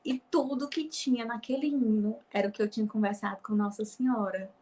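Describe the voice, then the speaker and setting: A woman with a somewhat high voice recounts a personal faith experience as an interview guest. She acts out past conversations as she goes and tags her sentences with a questioning "né?". Her telling stays emotional, close to tears. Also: steady tone, brisk, dark tone. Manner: storytelling, acting out dialogue, frequent "né?" tags.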